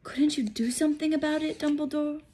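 A woman's voice: high voice, steady tone, fairly quick, mellow, voice pushed up, natural voice. A woman voicing a stern, anxious, scolding older woman professor from a storybook. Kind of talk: storybook character reading.

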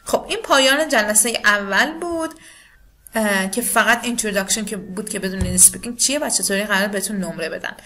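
Bright-voiced Persian-speaking woman teacher. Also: medium pitch, soft background music. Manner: explains in Persian, reads English descriptor lines slowly and deliberately. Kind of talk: recorded online lesson explaining scoring criteria.

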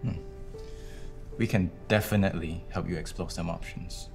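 A low male voice plays a calm, helpful career coach. He explains things in a reassuring way, in naturalistic drama style. Music is clearly heard underneath. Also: normal speed. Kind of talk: naturalistic screen drama acting.

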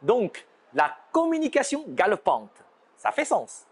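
A man from China with a Chinese accent, explaining brand names in a playful, scripted lesson and slowing down to show how words are said. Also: high voice, wildly swooping pitch, slightly rough. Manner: playful, slows down to demonstrate pronunciations. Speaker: language teacher.

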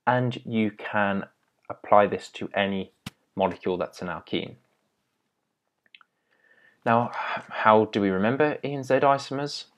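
Low-voiced young man explaining chemistry. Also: unhurried, pauses often. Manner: patient, step-by-step explaining with small restarts. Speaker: chemistry tutor. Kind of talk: explaining at a whiteboard.

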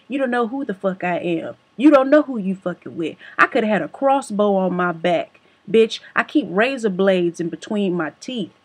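Woman vlogger, husky voice, brash deadpan comic storyteller, middle pitch.

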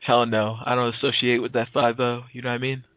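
Pretending to be earnest, a young man of about twenty-something places a prank call, talking in a slangy, hesitant, casual way. The medium-pitched voice moves quickly with little pitch variation, heard through a thin, tinny phone connection with no room sound.

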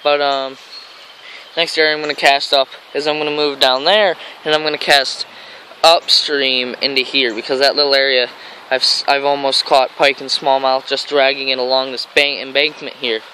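An American fishing vlogger on a grassy riverbank speaks at normal speed in a medium-pitched, sharp voice with a flat delivery, though his casual narration rambles enthusiastically. Recorded roughly on a handheld camera mic, the audio picks up a stream and traffic.

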